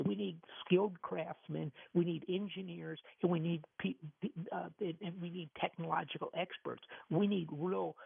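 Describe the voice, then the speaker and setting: Man, radio host taped off the air, very gravelly, husky, tinny lo-fi sound, stammers and restarts. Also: fairly high pitch. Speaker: financial radio show host. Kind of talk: call-in radio talk on markets. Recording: tinny lo-fi radio recording, dry.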